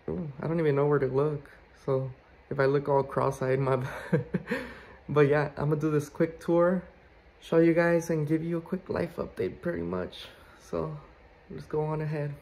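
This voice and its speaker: A man's voice: on the high side, vocal fry, a little mellow. Chatty young man filmed on a phone. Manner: loose and chatty, full of fillers. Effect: recorded on a phone camera. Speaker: vlogger. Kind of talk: casual house tour vlog. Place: indoors at home. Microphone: phone held in hand.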